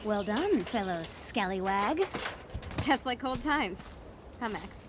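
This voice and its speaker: An actress voicing a brash punk teenage girl in a video game, putting on a mock-gruff pirate manner, with noise behind the game audio. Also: mid-range voice, lively intonation, slow. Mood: playful. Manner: mock-gruff pirate talk, playful and bossy.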